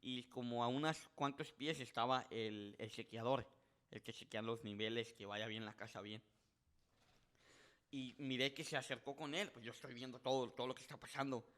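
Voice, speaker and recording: A man's voice: mid-range voice, normal speed. A man telling a story casually on a podcast, acting out the voices of the people in it and often restarting his sentences. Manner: animated, acts out quoted voices, frequent restarts. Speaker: podcast guest.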